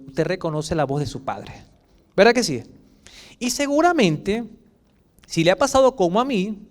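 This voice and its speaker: Man, pastor, Chilean accent, sermon, high voice, very lively pitch. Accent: Chilean Spanish. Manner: dramatic preaching with sudden loud and soft swings; acts out quoted voices.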